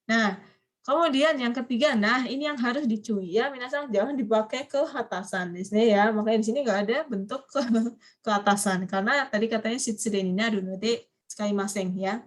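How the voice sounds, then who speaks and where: A woman's voice: fairly high pitch, fairly quick. A woman teaching a university Japanese class online, prompting students to finish each phrase. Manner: coaxing students to complete phrases. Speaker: Japanese language lecturer.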